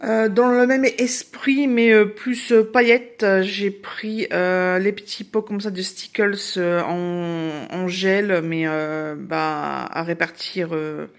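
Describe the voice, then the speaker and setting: A woman's voice: medium pitch, fairly even intonation, takes it slowly, few pauses. A woman from northern France chatting casually through an unboxing vlog, with many hesitations and the product names whispered. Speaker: vlogger.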